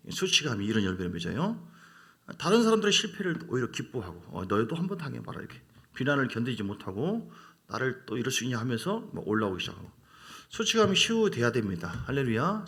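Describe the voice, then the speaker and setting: A middle-aged man preaches a sermon with a gravelly edge to his voice. His pitch leaps and dips all through, moving from hushed lines to sudden loud cries. He sits at an ordinary pitch for a man. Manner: animated preaching, swinging from quiet to loud exclamations. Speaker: pastor.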